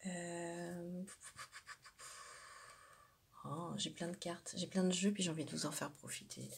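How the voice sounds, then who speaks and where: A woman's voice: on the low side, steady tone, measured pace, vocal fry, a little hiss or hum. A woman doing an intuitive card reading for her viewers, hesitant and searching for words, often dropping into a whisper. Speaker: tarot card reader.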